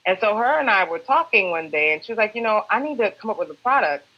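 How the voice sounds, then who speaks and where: A woman from Uganda, a personal brand strategist, telling the story behind her book in an animated, conversational way. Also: medium pitch, fast, muffled recording. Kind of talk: casual interview answers.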